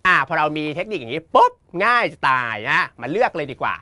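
A man with a Thai accent teaching an English exam lesson in a playful, teasing, campy way, reading the English options slowly. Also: a little high, sing-song, pushed and bright, dry recording. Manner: campy, teasing, uses feminine polite particles.

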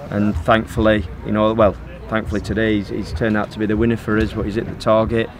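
On the pitch after the final whistle, a middle-aged man, the team's football manager, talks to an interviewer who holds up a phone. He sounds even and measured, relying often on fillers, with crowd noise in the background.

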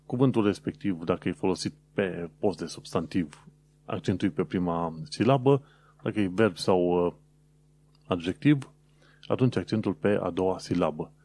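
A man's voice: low voice, warm tone, a little hiss or hum. A man from Romania hosting his own podcast, explaining practical tips in a casual, conversational way with frequent hesitant fillers. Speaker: podcast host.

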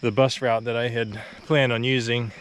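Here a young vlogger strolls a quiet country road outdoors, a bit winded from the uphill climb, talking at a moderate pace in a mid-range voice. His easygoing chatter is packed with fillers and quick laughs, captured by a phone or action camera at arm's length with a little hiss or hum.

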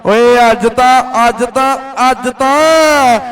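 A man with a Punjabi accent giving frantic, excited rural live sports commentary, repeating phrases over and over as a kabaddi announcer. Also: very high voice, takes it slowly, clean tone.

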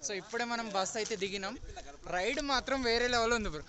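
A man's voice: extremely high pitch, fast talker. A young man, chatting upbeat through a travel vlog and calling out to viewers as friends. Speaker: travel vlogger. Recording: crowd chatter behind.

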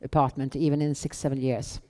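A middle-aged woman with a Swedish accent, answering questions on stage in a measured, halting way with pauses. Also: very deep voice, level tone, warm tone. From Sweden. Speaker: guest, bank founder and chief executive. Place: indoor event room on a small stage. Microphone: headset.

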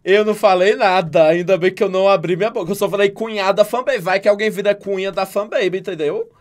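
Excitable Brazilian woman streamer. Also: mid-range voice, quick pace. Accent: Brazilian Portuguese. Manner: excitable, exclaims and laughs often. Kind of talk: casual chat on a game stream.

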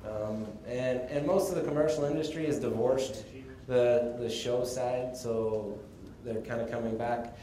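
A man from Texas gives a casual conference presentation, explaining things in a relaxed way with the odd chuckle. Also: medium pitch, unhurried, slight background noise. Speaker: conference speaker on sheep breeding. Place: conference room. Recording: echoey conference room, faint ambience.

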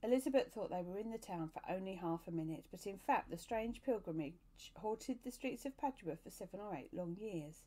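A woman as storyteller, reading a novel aloud in a steady, even narration. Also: mid-range voice.

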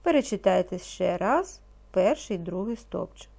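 A woman teaching a reading lesson to young children, speaking slowly and patiently and pronouncing each word with care. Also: medium pitch, animated, creaky, dark tone, slightly rough. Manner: slow, patient, encouraging, pronounces words carefully. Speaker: primary school teacher.

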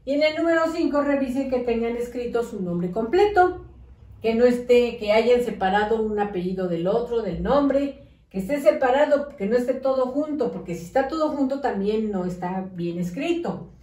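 A woman's voice: fairly high pitch, lively intonation, mellow. Patient woman teaching young children. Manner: slow, patient, instructive. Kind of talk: primary school lesson for parents and children. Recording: roomy echo, voice from a distance.

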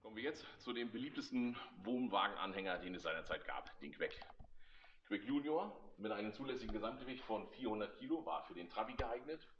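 Brief: man, 30s, low voice, chatty and wry tour guide, slightly muffled recording. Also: expressive, a little fast, slight background noise. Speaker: club member presenting a vehicle collection. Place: large indoor exhibition hall. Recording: slightly dull, lo-fi sound.

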